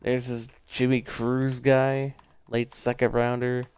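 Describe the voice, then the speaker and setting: A young man livestreaming a football video game, thinking aloud in casual, rambling commentary that speeds up in quick bursts. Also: medium pitch, completely flat delivery, a little mellow, clean tone, no room sound.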